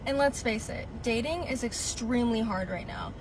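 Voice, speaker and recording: A woman's voice: on the high side, moderate pace, background noise. A woman making a sincere, persuasive case in a social media monologue.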